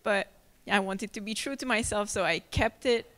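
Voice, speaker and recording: A young adult woman with a Hungarian accent giving a friendly, unhurried live talk about travel, with many ums and self-corrections. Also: medium pitch, fairly bright tone, recorded from a distance. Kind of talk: live presentation to an audience. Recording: echoey hall, mic from afar.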